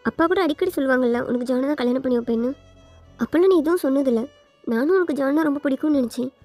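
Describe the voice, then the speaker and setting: Figure: a woman playing a gentle older sister. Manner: calm, persuasive. Pitch: high. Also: racing, soft background music. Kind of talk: storybook fan fiction reading.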